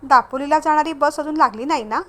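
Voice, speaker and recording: A witty young woman at a bus stand, light and teasingly polite, with a high voice, as the woman narrating puts her on. she's composed and quick in this spoken storybook. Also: lightly acted.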